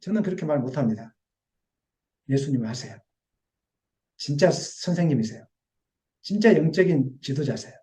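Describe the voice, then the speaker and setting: A man preaching a Sunday sermon as pastor, animated and rising, then dropping to quiet confession, and sometimes acting out the voices he quotes. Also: fairly high pitch, moderate pace, pauses often. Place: church sanctuary.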